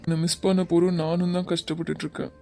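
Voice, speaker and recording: A woman voicing a gentle young man in love, soft and coaxing, in an animated web series. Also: on the low side, rapid-fire, soft background music, natural voice. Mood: tender.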